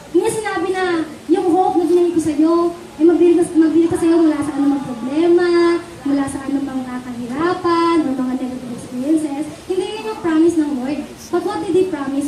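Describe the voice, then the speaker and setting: A woman with a Filipino accent delivers a sermon in a high, mellow voice, pausing often for an amen from her listeners. She stands well away from the microphone in an echoey church hall. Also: distant mic. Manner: Taglish, asks the congregation for amens. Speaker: preacher.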